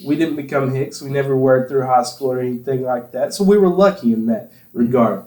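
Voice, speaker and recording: A man's voice: medium pitch, fairly quick, darkish tone, echoey room, rough recording. A young man from Tennessee, hosting a casual chat with friends, rambling through stories and laughing often. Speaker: podcast host.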